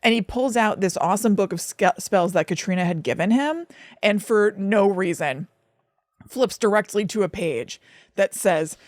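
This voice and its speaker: A woman co-hosting a podcast chats casually about film, filling her talk with "like" and hedging asides. Her mid-range voice moves at a normal speed, recorded with studio quality and no room sound.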